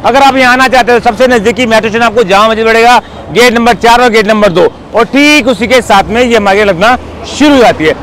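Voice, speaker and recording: An extremely high-pitched, a bit bright voice rushes along fast with hardly any pauses as a man vlogs through an outdoor street market. Upbeat and chatty, he asks sellers about prices, repeating "bhai" and "theek hai." The low-quality recording carries crowd chatter and traffic.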